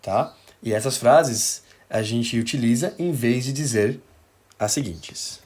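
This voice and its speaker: A man with a Brazilian Portuguese accent teaching an English lesson on video, explaining slowly with examples and often checking in with a quick "ok?". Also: mid-range voice, a little mellow.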